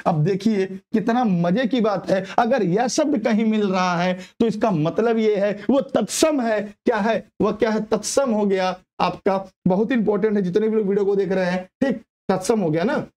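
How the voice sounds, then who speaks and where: A man's voice: high voice, moderate pace, hardly any pauses, darkish tone. A man teaching a grammar lesson for exam prep, asking questions and answering them himself. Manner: quizzing, asks and answers own questions.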